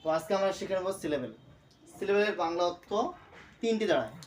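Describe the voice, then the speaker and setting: Man teaching syllables slowly, from afar. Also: high voice, expressive, recorded from a distance, slight background noise. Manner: slow, repetitive, breaks words into syllables aloud. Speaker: English teacher. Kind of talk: classroom lesson explaining pronunciation.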